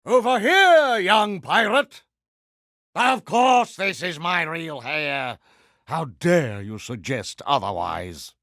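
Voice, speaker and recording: A vain, villainous pirate captain for a video game. The voice is pitched high and swoops dramatically through grandiloquent phrases, drawn out at an unhurried pace with theatrical pomposity. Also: male voice, sing-song, fairly bright tone, no echo, studio quality, exaggerated voice. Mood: commanding, then indignant, menacing. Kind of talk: video game character voice lines.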